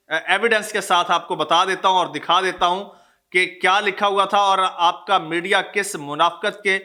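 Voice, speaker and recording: Hosting a political news vlog, a Pakistani-accented man addresses his viewers with emphasis, using repetition to stress what he says. His voice is high-pitched and sharp.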